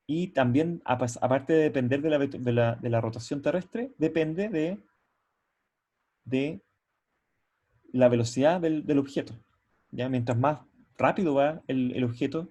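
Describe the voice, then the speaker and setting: A man's voice: mid-range voice, warm tone. A man giving an online university lecture from a computer microphone. He explains step by step, often stops to check that students follow, and restarts his sentences as he thinks. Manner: halting, with frequent restarts. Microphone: computer mic on a video call.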